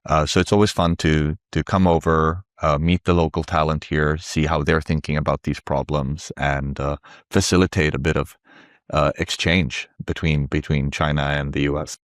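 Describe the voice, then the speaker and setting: This is a middle-aged Swedish man, a native speaker of Swedish and founder of a tech company, appearing as an interview guest. His bass voice holds a level tone at a moderate pace while he explains things in a conversational, reflective way. The studio-quality recording has no room sound.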